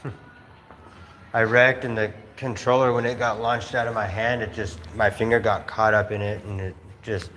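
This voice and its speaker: A man's voice: fairly low pitch, little pitch movement, normal speed, fairly bright tone. Rambling, laughing man on a livestream. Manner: rambling, laughing storyteller with many fillers. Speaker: streamer. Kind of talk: casual livestream storytelling. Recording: roomy space with faint noise.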